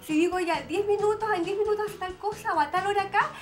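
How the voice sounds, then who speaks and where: A woman's voice: extremely high pitch, quick pace, soft background music. A woman on a TV panel, explaining parenting in casual chat and often tagging her points with "¿cierto?". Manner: explanatory, with frequent "¿cierto?" tags.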